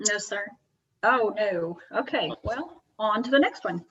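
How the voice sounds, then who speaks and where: Brisk female court clerk, bright clear voice, on a dull conference call line. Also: medium pitch, lively intonation, slight background noise. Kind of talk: running a court docket.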